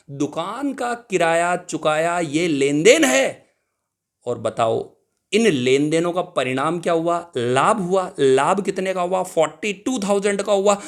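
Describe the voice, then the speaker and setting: A young adult man giving an exam-prep accounting lecture, lively, asking questions and answering them himself, addressing students fondly. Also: a little high. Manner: animated, asks and answers his own questions, calls students "beta". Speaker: accounting teacher.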